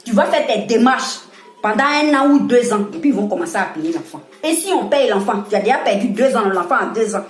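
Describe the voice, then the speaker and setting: A woman with an Ivorian French accent, talking casually and scolding with animated laughs. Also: fairly high pitch, a little fast, reverberant. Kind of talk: casual monologue to camera.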